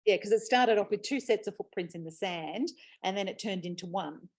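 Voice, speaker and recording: A host and author, this woman leads a casual, reflective chat with a brisk, darkish, medium-pitched voice. She talks earnestly and laughs easily.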